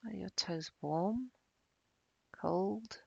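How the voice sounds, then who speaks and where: Guiding a body-scan meditation, this woman speaks calmly and without hurry, her phrases trailing off in soft breaths between long pauses. Her pitch is medium, the room has no echo, and the sound is lo-fi.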